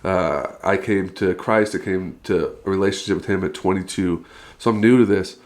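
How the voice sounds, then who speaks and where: A man's voice: deep voice, moderate pace, darkish tone. A man in his thirties from California, a pastor talking casually and energetically on a podcast, laughing often. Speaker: guest pastor.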